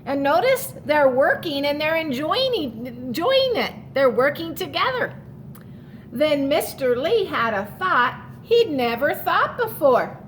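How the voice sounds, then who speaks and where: A woman reads a picture book aloud to children in a teacherly way, stretching key words expressively and adding explanatory asides for the young listeners. Her voice sits high and sing-song, she reads slowly, and there is slight background noise.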